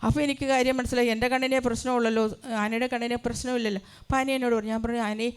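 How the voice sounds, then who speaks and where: A woman's voice: fairly high pitch, level tone, racing, clean tone. A religious sister giving an earnest testimony in a church hall, asking her listeners rhetorical questions. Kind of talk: sermon testimony.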